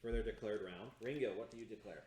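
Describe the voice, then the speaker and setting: A man running a tabletop role-playing session as game master, relaxed and laughing often, with many fillers. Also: fairly low pitch, fast, roomy sound.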